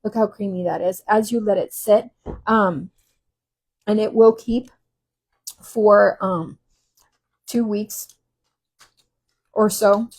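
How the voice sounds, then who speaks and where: Lady cooking host, husky voice, rambly and chatty, lots of ums while she makes a dressing. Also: medium pitch, takes it slowly, pauses often, a little mellow. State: teary from cutting shallots. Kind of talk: casual cooking demo. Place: kitchen while traveling.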